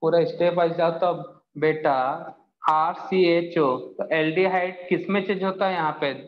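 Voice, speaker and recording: A man's voice: a little high, steady tone, unhurried. A man teaching a chemistry class, patient and explaining step by step while answering students' doubts. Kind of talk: live online class. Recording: echoey, dull lo-fi sound.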